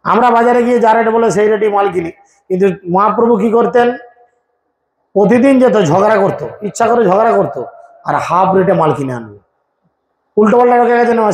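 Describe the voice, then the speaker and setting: High-voiced male preacher, echoey hall. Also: darkish tone. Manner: slows into sung recitation of verses; acts out voices of figures in stories. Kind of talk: devotional sermon with storytelling and chanted verse.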